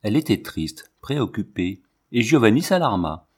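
A man narrates a novel in a low, measured voice with expressive phrasing. The reading is steady and scripted. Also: breathy edge. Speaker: audiobook reader.

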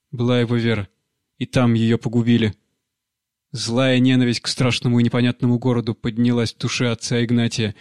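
A male audiobook narrator reading a classic short story at a measured pace. His pitch stays flat and level throughout. The recording is dry, with no room sound. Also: no echo.

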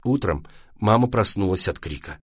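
A man narrating a children's story in an expressive, lively reading style. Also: on the low side, normal speed, no room sound, clean studio sound.

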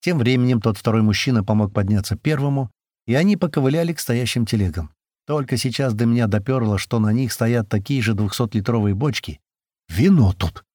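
A man reading a first-person audiobook aloud, brisk storytelling with voiced dialogue. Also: medium pitch, darkish tone, no room sound, studio quality. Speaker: audiobook narrator.

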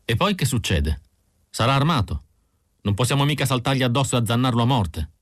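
A man voicing a sharp, brusque female android who speaks in a cutting way. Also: mid-range voice, animated, brisk, dry recording, clean studio sound, pitched above the performer's own voice, lightly acted.

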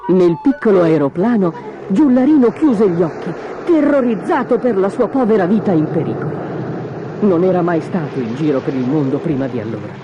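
A woman narrating a children's storybook in an expressive, dramatic way. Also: lowish voice, moderate pace. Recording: dull lo-fi audio with music behind.

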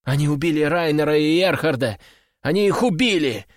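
A man's voice: a little high, animated, a little fast, no room sound, clean studio sound, lightly acted. A man voicing a panicked young son of a crime boss, screaming and pleading frantically. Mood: hysterical pleading. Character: panicked young male gangster's son, hysterical.

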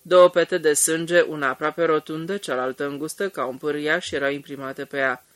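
A man narrating an audiobook in a steady, measured reading. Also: fairly high pitch, no room sound. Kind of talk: scripted narration.

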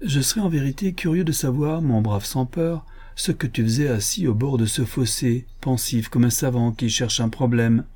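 A man doing a brisk young royal prince. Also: medium pitch, animated, dark tone, pitched above the performer's own voice, close to an everyday voice. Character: young royal prince, cheerful, generous, commanding. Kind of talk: audiobook character voice.

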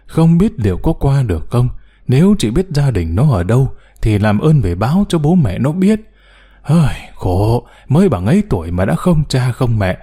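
A man's voice: medium pitch, slightly rough. A man doing a kindly old woman. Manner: soothing, gently scolding. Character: kindly old woman, hospital patient, consoling.

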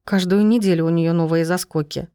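A woman reading a novel aloud as narrator, in an even, measured way. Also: lowish voice, clear, resonant tone, no room sound, clean studio sound. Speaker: audiobook narrator. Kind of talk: scripted narration.

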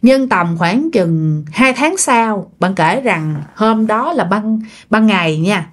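A woman's voice: medium pitch, animated. Chatty Southern Vietnamese woman storyteller. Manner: chatty, talks straight to listeners with drawn-out particles. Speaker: ghost story narrator. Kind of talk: casual storytelling narration.

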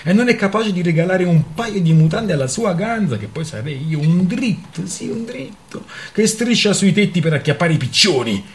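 Brief: male reader doing a shrieking, scornful young woman, loud and lively, in a storybook reading. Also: high voice, slow pace, few pauses, pitched above the performer's own voice, heavily acted. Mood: shrill scornful. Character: brash mocking young woman, shrill and quarrelsome.

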